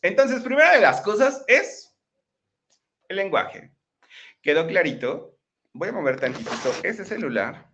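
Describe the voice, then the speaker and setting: A man's voice: high voice, sing-song, unhurried, long pauses, fairly bright tone, dull audio. A man giving a chatty live-streamed motivational talk, often checking in with his listeners. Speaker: motivational speaker. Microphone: laptop microphone.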